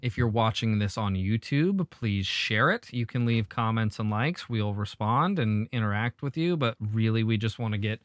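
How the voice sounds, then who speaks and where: Relaxed casual podcast host man. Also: lowish voice, moderate pace, few pauses, no echo. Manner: relaxed, rambling, hums filler sounds. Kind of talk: casual chat.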